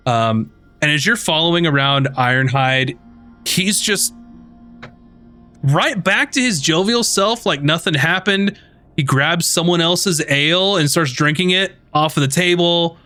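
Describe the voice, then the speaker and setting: A man narrating as game master, relaxed and rambling, with many ums and likes. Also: on the high side, a little slow, soft background music.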